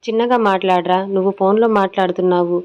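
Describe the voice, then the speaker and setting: A woman's voice: mid-range voice, fairly even intonation, fast talker, darkish tone, close to an everyday voice. A woman voicing a blunt, dismissive young man in a dull lo-fi audio story recording. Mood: offhand. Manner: curt and dismissive.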